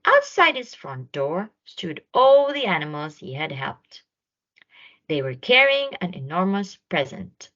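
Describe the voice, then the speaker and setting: A woman narrating a children's picture book aloud in an expressive storytime style. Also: on the low side, measured pace, highs cut off.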